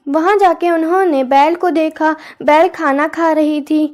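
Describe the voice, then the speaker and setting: A woman with a high-pitched voice reads a children's folk tale aloud. Her narration is clear and steady, scripted and even-paced. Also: a little slow. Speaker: storyteller.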